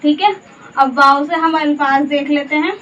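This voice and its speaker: A woman teaching a slow Urdu spelling lesson. She says each letter in turn, then reads out the whole word, and she asks the learner questions along the way. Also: high voice, fairly even intonation, a bit bright. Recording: dull, muffled audio from a distance with faint background hiss.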